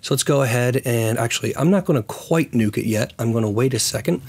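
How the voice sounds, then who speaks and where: Hoarse, raspy man presenting a tutorial. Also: medium pitch, a little fast, darkish tone. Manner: thinks aloud while working. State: hoarse, recovering from lost voice. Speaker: tutorial host. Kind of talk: casual screen-recorded programming tutorial.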